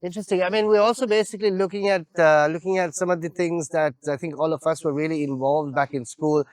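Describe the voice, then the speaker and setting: Host, man, slightly high voice, dry sound, prompting and affirming. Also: fairly even intonation, fast talker, no echo. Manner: prompting, affirming with short replies. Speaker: podcast host. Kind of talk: casual interview chat.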